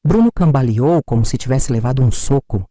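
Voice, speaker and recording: A woman narrating a dramatic family story in the first person, raising her voice for the characters' shouted lines. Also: extremely low pitch, expressive, a little fast, dry recording, clean studio sound.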